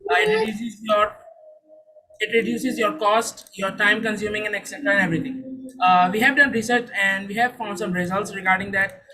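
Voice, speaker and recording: A man's voice: sits high, fairly even intonation, normal speed, pushed and bright, poor audio. A young man from Saudi Arabia presenting his startup and answering questions in an earnest, formal way. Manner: earnest, formal, with polite "sir". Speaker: startup founder. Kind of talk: startup pitch and Q&A.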